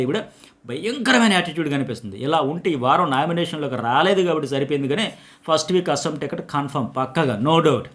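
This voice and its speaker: A man's voice: on the high side, a bit bright. A middle-aged man, a journalist giving emphatic commentary on a reality show and acting out quotes from it. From Telugu-speaking India.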